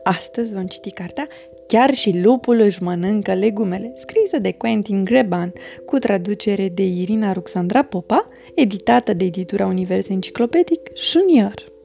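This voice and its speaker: A woman host gently and expressively reading a children's story aloud. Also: mid-range voice, animated, vocal fry, a little hiss or hum.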